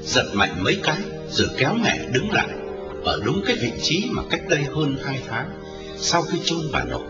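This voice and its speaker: A man narrating a dramatic story, expressive in his storytelling. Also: mid-range voice. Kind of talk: dramatic audiobook reading. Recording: roomy, lo-fi, distant, with music.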